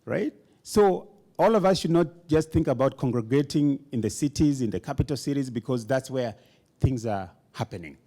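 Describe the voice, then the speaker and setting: A man's voice: medium pitch, animated, moderate pace, mellow. A man giving a rousing conference speech in a hall, emphatic, leading the audience in call-and-response chants. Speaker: motivational speaker.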